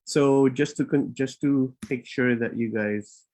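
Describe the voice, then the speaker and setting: A man leads a live webinar from his home office through a laptop microphone. His talk is loose and informal, full of fillers and restarts, and he sounds a bit out of breath. His pitch sits in the middle range for a man. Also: a little slow, a little mellow. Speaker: immigration consultant and webinar host.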